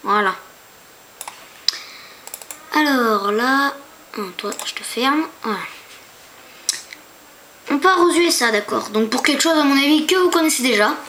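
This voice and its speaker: A chatty woman with a high, light voice narrates a casual screen tour. She hesitates often, trips over foreign place names and keeps asking her viewers rhetorical questions, recorded on a computer mic with faint noise behind her. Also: animated, unhurried, pauses often, sharp tone. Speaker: YouTuber.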